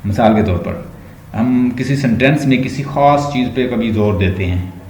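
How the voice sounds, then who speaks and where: A man with a Pakistani Urdu accent teaching an online class, explaining slowly and repeating words to show how they sound. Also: mid-range voice, darkish tone, roomy sound, slight background noise, low-quality recording.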